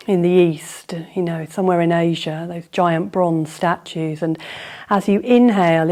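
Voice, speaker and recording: A fairly low-pitched woman's voice leads a yoga nidra meditation. She teaches with gentle improvisation, keeping things calm and unhurried, with pauses for reflection.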